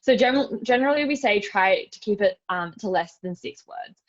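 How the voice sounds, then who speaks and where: An Australian woman presents a webinar demo, walking through an informal online tutorial step by step in a chatty, casual manner and often saying "like" and "super." Her mid-range voice is expressive and moves at a moderate pace. It's captured over a video call, so the audio sounds dull and lo-fi.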